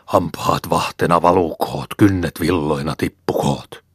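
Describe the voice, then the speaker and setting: A man's voice: extremely low pitch, fairly bright tone, no room sound, studio quality. A man reading aloud voices a proud old male hunter who chants incantations and boasts. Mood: chanting.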